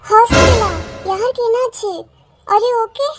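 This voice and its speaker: A woman voicing a loud, nosy female best friend in a cartoon series. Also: very high-pitched, measured pace, over loud music, voice pushed up.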